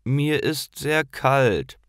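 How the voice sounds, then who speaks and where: A man voicing a sick young boy, sad and tired, speaking slowly in a plaintive, raised voice. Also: medium pitch, lively intonation, a bit bright, clear, resonant tone, no echo, studio quality, pitched above the performer's own voice, heavily acted.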